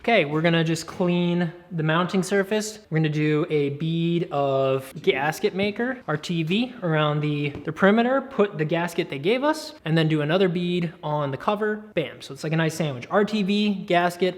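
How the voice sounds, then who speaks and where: A man's voice: fairly high pitch, moderate pace, few pauses. A man co-hosting a casual workshop vlog, joking and laughing often as he works on an engine. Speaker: channel co-host.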